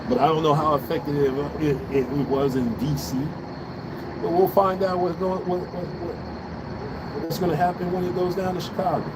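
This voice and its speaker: Blunt American man over loud street noise. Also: on the high side, fairly even intonation, moderate pace. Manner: blunt, profane, emphatic repetition. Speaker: livestream host. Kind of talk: casual livestream political rant. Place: outdoors on an urban balcony. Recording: loud outdoor city traffic noise. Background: street ambience and vehicles.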